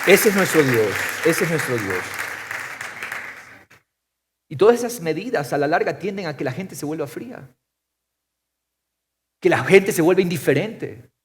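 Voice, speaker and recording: A man preaching a sermon as pastor, firing off rhetorical questions and swinging from loud to soft. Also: fairly high pitch. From Ecuador.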